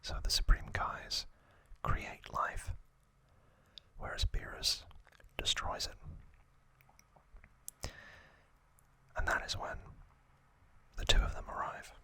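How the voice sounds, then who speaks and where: Here a man runs an ASMR trivia recap, whispering softly and breathily without voice while dropping in stop-start, offhand remarks.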